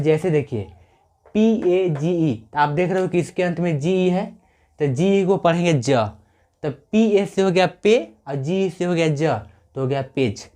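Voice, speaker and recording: A man teaching English pronunciation in Hindi. He talks slowly, repeats his points and asks questions that he answers himself. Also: a little high, darkish tone. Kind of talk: spoken Hindi pronunciation lesson.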